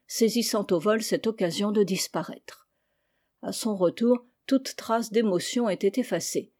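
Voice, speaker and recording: Mellow-voiced woman reading a storybook. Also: medium pitch. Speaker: audiobook reader. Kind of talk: storybook narration.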